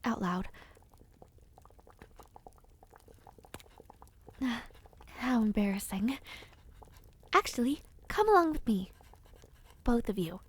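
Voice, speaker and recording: A woman voices a kind, dreamy, peculiar witch in an audio roleplay addressed to the listener, sounding otherworldly, caring, and a bit scatterbrained. Her high voice is gentle and soothing, sing-song and unhurried with a slight hiss or hum, and she uses old-fashioned formal phrasing while getting easily distracted. The mood is sheepish.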